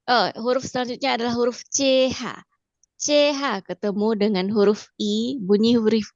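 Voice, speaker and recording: A woman's voice: fairly high pitch, dry recording. Patient woman teaching, dull dry recording. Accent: Indonesian. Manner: patient, repeats sounds slowly for practice. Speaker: Mandarin teacher. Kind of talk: online language lesson.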